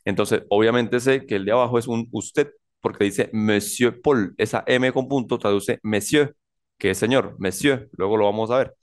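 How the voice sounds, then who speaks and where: A man teaching a French grammar class in a slow, deliberate lecture, often repeating himself and checking in with his students. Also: medium pitch.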